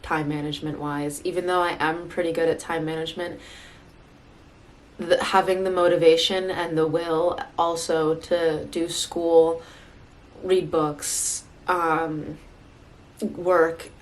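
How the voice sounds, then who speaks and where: A woman's voice: low voice, level tone, slow, rough recording. A young woman in her twenties chatting casually about her reading habits in a vlog, rambling with lots of fillers and restarts. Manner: rambling, filler-heavy, self-correcting. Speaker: booktube vlogger. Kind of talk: casual tag video chat.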